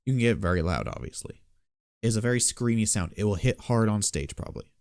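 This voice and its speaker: A gravelly, lowish male voice walks listeners through a laid-back beatboxing lesson at a brisk clip. He explains the technique plainly, the way you would to friends, and the audio is dry and up close without any echo.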